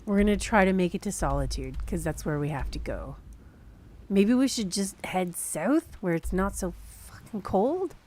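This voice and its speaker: A woman's voice: medium pitch, animated, moderate pace, a little mellow, slight background noise. A woman streamer casually chatting through a game, laughing and thinking aloud to her viewers. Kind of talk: casual gameplay commentary to chat.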